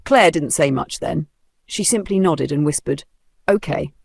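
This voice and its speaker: A man's voice: a little high, moderate pace, vocal fry, breathy edge, no echo, studio quality. A man with a Nigerian accent narrating a dramatic story with playful, humorous asides.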